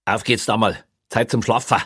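A man voicing a gruff, lazy male police officer who talks curtly. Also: lowish voice, steady tone, normal speed, a bit bright, no room sound, clean studio sound, pitched above the performer's own voice. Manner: curt, dismissive.

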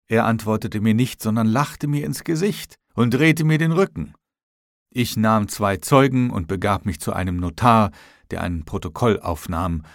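A man reading a period memoir aloud as first-person scripted narration, in a measured, even storytelling manner. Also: on the low side, no echo, studio quality. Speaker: audiobook narrator.

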